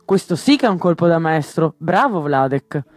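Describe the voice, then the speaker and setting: A man's voice: on the high side, very animated, moderate pace, no echo, faint music behind. A man voicing a shrewd, brash male smuggler in a novel reading, blunt and slangy.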